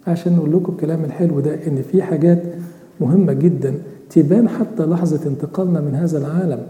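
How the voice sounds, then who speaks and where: A man's voice: fairly high pitch, mellow. A man with an Egyptian Arabic accent preaching a sermon, asking rhetorical questions and answering them himself. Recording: echoey hall reverb.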